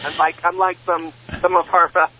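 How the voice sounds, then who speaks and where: A man with a high, husky voice comes through a phone line from a moving car. His speech is slow, polite and a little hesitant. The sound is dull and muffled. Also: flat delivery. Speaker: caller. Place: driving car.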